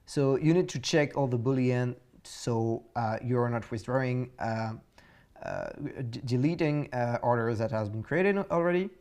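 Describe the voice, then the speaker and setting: A man with a French accent teaches a programming course. He explains the assignment step by step, pausing often with fillers and restarting his sentences. His pitch sits in a middling range for a man. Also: a little mellow, smooth. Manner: halting, many fillers and restarts. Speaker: course instructor.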